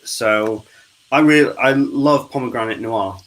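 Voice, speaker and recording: A man's voice: mid-range voice, a little slow, fairly bright tone, low-quality recording. Joking man hosting a video call. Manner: joking, chatty, teasing the guests. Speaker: host of a charity live stream. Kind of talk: casual group chat.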